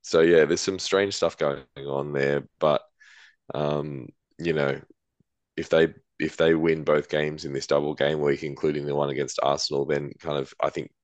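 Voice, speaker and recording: A man with a very deep voice chatting casually on a sports podcast. He talks in a loose, relaxed way, full of fillers. The sound is dry and close. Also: normal speed, no echo, lo-fi sound. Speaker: podcast co-host. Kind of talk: casual chat.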